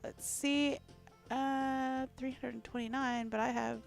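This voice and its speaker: A woman's voice: high voice, steady tone, slow, vocal fry. A woman co-hosting a live game show, announcing players, venues and scores with casual asides. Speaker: co-host. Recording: background music. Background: music.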